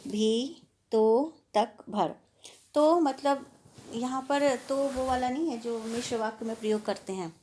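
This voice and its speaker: A woman teacher goes through a Hindi textbook lesson at an unhurried pace. Her voice sits a little high, and she explains patiently, pausing with small fillers and walking through one example after another. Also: mellow.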